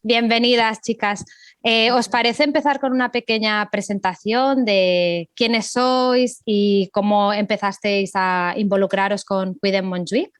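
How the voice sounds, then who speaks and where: A woman's voice: medium pitch, fairly even intonation, a little slow, clear, resonant tone, dry recording, studio quality. A woman hosting a podcast interview, welcoming guests and asking friendly questions. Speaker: podcast host.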